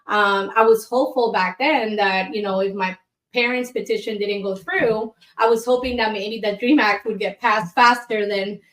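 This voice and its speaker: A woman's voice: mid-range voice, steady tone, normal speed, a bit bright, reverberant. A woman from Colombia, an immigration attorney, talking candidly as a guest in an interview with frequent fillers. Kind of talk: casual interview.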